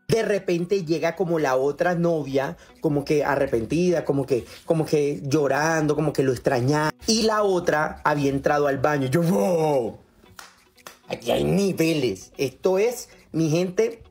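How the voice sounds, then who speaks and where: Husky man telling a comic story. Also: on the high side. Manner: animated, laughs often, acts out voices. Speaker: doctor telling a gossip story.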